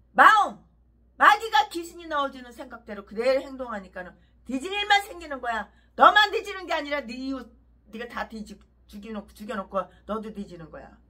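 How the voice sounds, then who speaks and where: A woman's voice: high voice, sharp tone. A woman pastor giving a fiery sermon, ranting harshly with repeated emphatic phrases.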